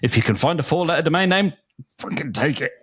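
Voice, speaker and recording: A man co-hosting a podcast, chatting casually in an animated, joking and teasing way. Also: a little high, quick pace, slight background noise. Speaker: podcast co-host. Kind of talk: casual chat.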